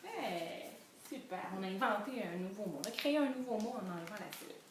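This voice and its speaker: A woman with a Quebec French accent, reading a storybook aloud to toddlers in an animated way and spelling out syllables slowly. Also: medium pitch. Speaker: children's reading educator. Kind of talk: enriched read-aloud lesson for toddlers. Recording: very echoey room, distant mic, faint noise.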